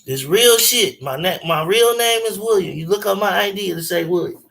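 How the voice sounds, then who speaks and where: A man in his forties with a high voice rambles through a story, emphatic and full of slang and cursing. His tone is bright and cutting, and he keeps restarting his sentences. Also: moderate pace, gravelly, low-quality recording. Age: 40s. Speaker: caller on a phone conversation. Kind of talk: casual chat, storytelling.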